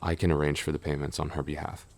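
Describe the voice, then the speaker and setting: With a very deep, level voice, a man voices a devoted young knight who flusters easily, in an intimate roleplay audio piece. His manner is courteous and formal, halting and polite, full of soft attentiveness.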